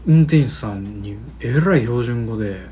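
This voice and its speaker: A man with a Kansai accent trades playful jabs in a relaxed podcast chat. His voice swings up and down as he talks, and he laughs often. A faint hiss sits under the recording. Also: mid-range voice, normal speed. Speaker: podcast co-host. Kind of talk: casual chat.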